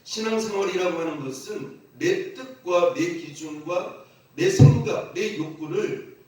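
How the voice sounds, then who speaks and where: A man's voice: high-pitched, measured pace, darkish tone. A man preaching a sermon as pastor, asking the congregation emphatic questions and leading them in call-and-response repetition. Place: church sanctuary. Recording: very echoey church from a distant mic.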